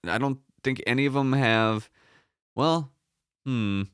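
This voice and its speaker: A man's voice: mid-range voice, takes it slowly, fairly bright tone, clean tone, no echo, studio quality. A man with a slightly froggy morning voice hosting a podcast alone, talking casually in a rambling, emphatic, self-correcting and sweary way. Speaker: podcast host. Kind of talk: casual solo podcast talk.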